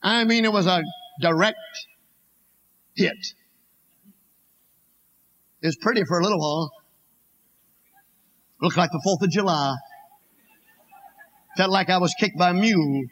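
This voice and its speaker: A man's voice: high voice, measured pace, pauses often, a bit bright, highs cut off. A man with an Appalachian accent preaching a personal testimony, telling it as a folksy, dramatic story and acting out the dialogue. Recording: noticeable background noise.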